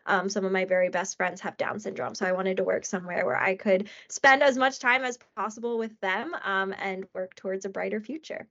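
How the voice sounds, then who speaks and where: A woman's voice: medium pitch, fairly even intonation, brisk, hardly any pauses, a bit bright. A woman guest on a podcast, answering questions in a friendly, fluent way with frequent "um"s. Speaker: guest, government relations manager. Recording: dull lo-fi sound.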